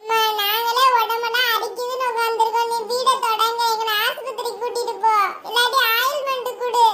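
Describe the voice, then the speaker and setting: A woman's voice: very high-pitched, level tone, brisk, bright, forceful tone. A woman voicing a young girl in a cartoon who whines and pleads because her whole body itches. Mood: complaining. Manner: whiny, pleading. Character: young girl, itchy and complaining.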